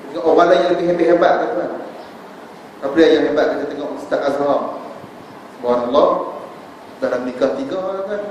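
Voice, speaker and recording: A man's voice: fairly high pitch, darkish tone, slight background noise. A man preaching a sermon with a Malaysian Malay accent, telling stories and addressing his listeners directly. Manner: storytelling, addresses audience as tuan-tuan. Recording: echoey hall, voice from far off.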